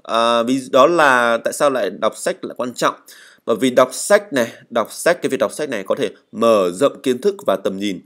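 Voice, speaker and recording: A man leads an English speaking lesson at a middle pitch. He explains each word, reads model answers aloud and drills pronunciation, repeating words for students to say after him. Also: lively intonation, normal speed, a bit bright. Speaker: English teacher. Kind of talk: spoken language lesson.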